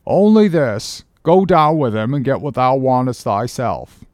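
A man voicing a sober, stern first mate speaking in a measured way. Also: mid-range voice, sing-song, a little mellow, no echo, clean studio sound. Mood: grave.

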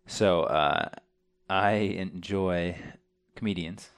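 A man with a deep, low voice co-hosting a casual podcast. He talks in a relaxed way, hesitating now and then as he gathers his thoughts. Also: drawn-out words. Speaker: podcast co-host.

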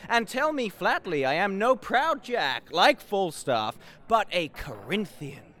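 An actor playing a mocking young prince in Shakespearean style, teasing and theatrical in delivery. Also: male voice, high voice, sing-song, slow, sharp tone, heavily acted. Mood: amused, boastful. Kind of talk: Shakespearean stage acting.

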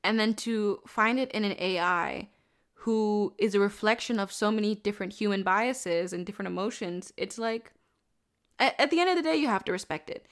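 A young woman casually reviewing a show in an animated, rambling way, swearing now and then and mocking characters in put-on voices. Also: medium pitch, moderate pace, smooth.

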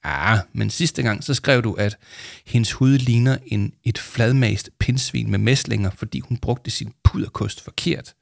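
A man's voice: mid-range voice, creaky, dry recording, clean studio sound, natural voice. A man reading a storybook and voicing a shy teenage boy who mumbles hesitantly.

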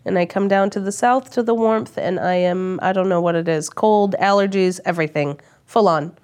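A woman's voice: mid-range voice, moderate pace, a little mellow, smooth. A young woman from Minnesota with a stuffed-up voice from a cold, chatting casually in an interview about her van travels. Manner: chatty, rambling with restarts. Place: lodge room at a campground.

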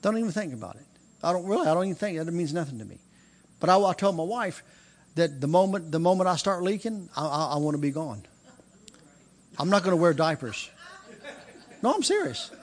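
A man in his fifties preaching a sermon, driving points home with repeated lines and quick restarts. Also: on the high side, sing-song. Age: 50s. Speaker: pastor.

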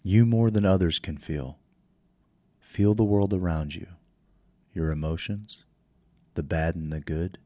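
A man with a very low voice guides a meditation, unhurried and soothing. His words come slowly, with calm pauses between instructions. The sound is close and dry, with no room around it. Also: dry recording.

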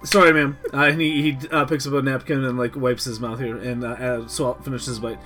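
A man's voice: mid-range voice, level tone, pushed and bright, soft background music. A man playing a tabletop game who narrates his character with stammers and laughs. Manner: slow, giggly, stammering. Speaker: player. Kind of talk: tabletop role-play.

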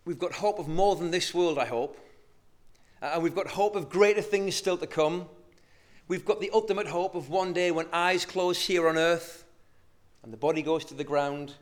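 A man preaching a sermon, moving between hushed, slow emphasis and loud, rising exhortation. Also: fairly high pitch.

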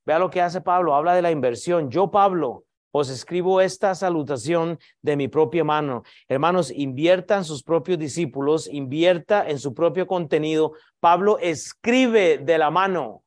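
A man preaching a sermon, lively and direct, with joking asides to the congregation. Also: high-pitched.

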